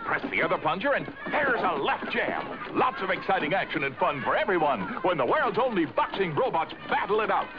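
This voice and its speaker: A man's voice: high voice, big pitch swings, fairly quick, few pauses. A man announcing an upbeat, salesy 1970s toy commercial, heard as a lo-fi sound taped off an old broadcast. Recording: dull lo-fi archive broadcast with music.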